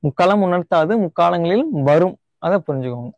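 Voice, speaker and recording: High-voiced Tamil teacher, dry close sound. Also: male voice, animated, vocal fry, a little mellow, no echo, dull audio. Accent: Tamil Nadu Tamil. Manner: explains step by step, often checks in with "right?"; repeats key words slowly to stress them. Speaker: Tamil grammar teacher for exam prep. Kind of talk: online exam-prep lesson.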